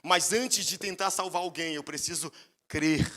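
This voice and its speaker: A Brazilian man preaching a sermon with a bright, forceful voice, set a little high for a man. He tells his stories with sweeping, emphatic rises, and his words ring out with a long hall reverb behind them. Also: moderate pace. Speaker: pastor.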